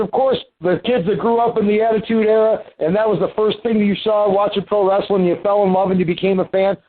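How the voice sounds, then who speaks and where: A man hosting a wrestling podcast, chatting casually and pitching the show in an upbeat promo style. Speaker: podcast host. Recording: tinny phone-line audio.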